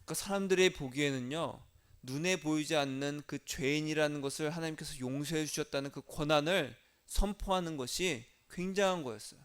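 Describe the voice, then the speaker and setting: A male pastor preaching a sermon earnestly, moving between hushed intimate passages and raised urgent appeals, acting out quoted prayers in his own voice. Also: fairly high pitch, a little fast, smooth.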